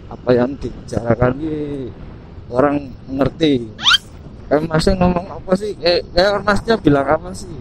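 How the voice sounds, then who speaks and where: This Central Javanese-accented motovlogger chats and jokes to himself while riding on country roads, laughing often as he vlogs. He has a fairly high voice with vocal fry, captured in a low-quality recording dominated by loud wind and engine noise.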